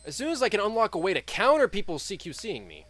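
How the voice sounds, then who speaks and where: A man giving casual running commentary while he plays a game, excitable, with yelling bursts between muttered remarks. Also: high voice, quick pace. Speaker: gameplay commentator. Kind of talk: casual live gameplay commentary.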